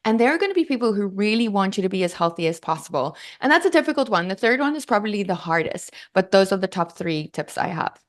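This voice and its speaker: A woman's voice: medium pitch, sing-song, quick pace, few pauses. A woman guest in an interview, talking in a bubbly, earnest way with lots of fillers. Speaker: guest, health advocate. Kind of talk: casual interview.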